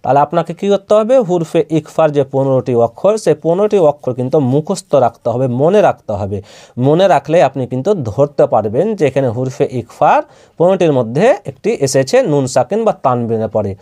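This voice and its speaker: A man's voice: medium pitch, lively intonation, fairly quick, mellow. A man teaching Quran letter reading in a patient recitation lesson, asking questions and answering them himself, with a Bangladeshi Bengali accent. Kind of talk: slow spelled-out recitation lesson.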